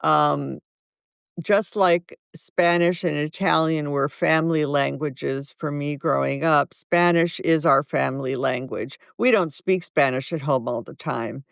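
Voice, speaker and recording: Her low, creaky, smooth voice carries warm, unhurried anecdotes as she reflects in an interview. She's a guest author in her seventies, and the dry recording has a clean studio sound.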